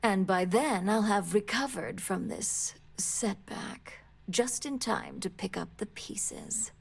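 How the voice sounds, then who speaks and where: An actress playing a classy, bitter corporate villainess in a video game, with a smooth, sinister and contemptuous delivery. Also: female voice, medium pitch, slow, full character voice. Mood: bitter, sardonic. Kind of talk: video game character acting.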